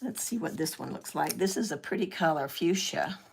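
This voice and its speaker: An older woman with a low, gravelly voice, chatting casually through a live craft demonstration. She works at her table and reads out viewer comments as they come in. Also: animated, moderate pace, slight background noise. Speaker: craft channel host.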